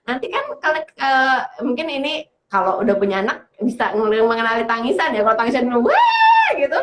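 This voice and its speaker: A woman psychologist giving parenting advice on a talk show, speaking in a lively way, laughing often and acting out parents and children. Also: fairly high pitch, fast, a little hiss or hum. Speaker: psychologist guest. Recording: roomy echo.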